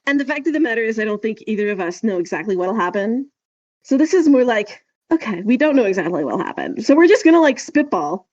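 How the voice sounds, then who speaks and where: Talking fast with big swings in pitch, a woman with a slightly high, a little mellow voice co-hosts a casual podcast, rambling informally. There is no echo, and the recording is dry and slightly dull.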